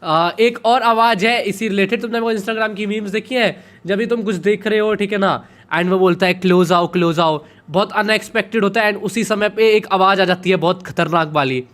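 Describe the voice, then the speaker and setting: A man's voice: high-pitched, moderate pace, hardly any pauses, a bit bright. A man chatting casually while reacting to a video, telling anecdotes and peppering them with filler tags. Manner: chatty, keeps adding "okay?" tags. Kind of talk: casual chat.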